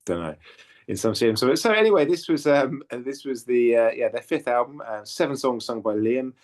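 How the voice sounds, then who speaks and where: A man's voice: mid-range voice, animated, normal speed. A man hosting a casual podcast chat, hesitant, with lots of ums and self-corrections. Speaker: podcast host.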